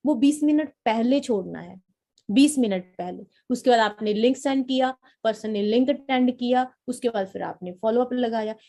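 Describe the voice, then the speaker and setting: A young woman from Punjab giving a lively, repetitive training talk to a sales team as its trainer. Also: on the high side, normal speed. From Punjab, India. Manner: coaching, repetitive, lively storytelling. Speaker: network marketing trainer.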